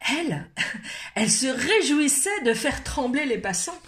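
A woman storyteller at a library, reading a picture book aloud with expressive, lively delivery. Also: high voice, moderate pace, echoey room, slight background noise.

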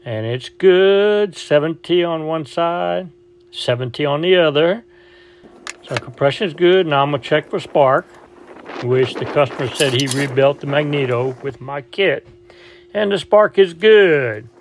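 This mechanic's fairly high voice is animated though a little slow, and the rough recording carries a bit of hiss or hum. He narrates a casual vlog about repairing a vintage outboard motor, which he calls "her," in a folksy, matter-of-fact way, in the workshop and outside by the water.

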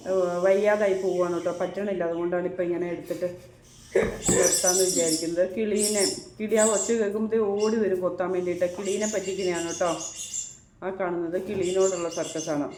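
A woman's voice: mid-range voice, mellow. A woman in her thirties chatting to her viewers in a casual home vlog, with friendly asides aimed at the audience. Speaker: vlogger and mother. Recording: echoey room with faint hum.

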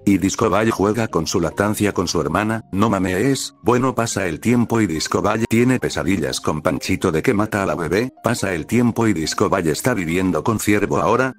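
A man with a Mexican accent summarizing fan fiction, sarcastic and exasperated. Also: deep voice. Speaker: host. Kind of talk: reaction commentary on fan fiction.

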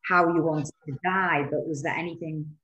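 Low-voiced woman host, probing questions. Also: fairly even intonation, moderate pace, fairly bright tone, highs cut off. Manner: probing, searching questions with restarts. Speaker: interview host. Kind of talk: interview questions. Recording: roomy echo.

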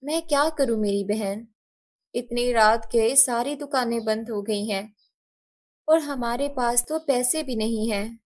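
A gentle, tearful young girl from a cartoon story, voiced by a woman narrator. She speaks softly and pleadingly in a raised, light voice. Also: fairly high pitch, unhurried. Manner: soft, pleading.

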